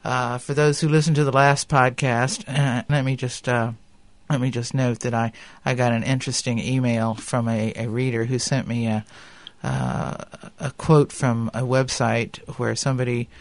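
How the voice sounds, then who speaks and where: A man's voice: mid-range voice, little pitch movement, moderate pace, no echo. A man hosting a podcast, explaining things earnestly, with slightly impeded speech as if something is in his mouth. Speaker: podcast host. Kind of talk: podcast talk with read-out quotes.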